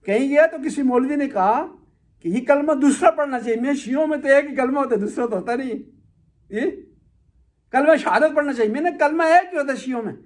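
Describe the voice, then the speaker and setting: High-voiced man giving a religious talk. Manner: lecturing with anecdotes and rhetorical questions. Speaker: Shia cleric.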